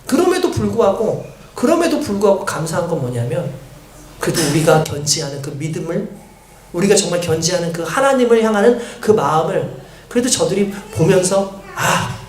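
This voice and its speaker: Animated Korean pastor preaching. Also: male voice, sits high, echoey room, a little hiss or hum. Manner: animated, storytelling, asks the congregation. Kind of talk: sermon.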